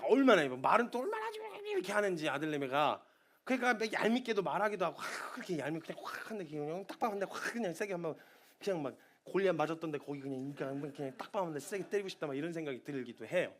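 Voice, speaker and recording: A man in his thirties preaching a sermon in a church, moving between soft confiding talk and loud impassioned pleading. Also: on the high side, big pitch swings, fast talker. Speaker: missionary preacher. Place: church sanctuary.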